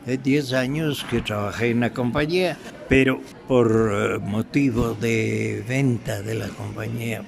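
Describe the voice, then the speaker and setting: An older man who is a veteran radio drama actor reminisces in an interview, with an Ecuadorian Spanish accent. He speaks haltingly and deliberately, pausing and repeating himself, in a creaky mid-range voice. Background noise can be heard.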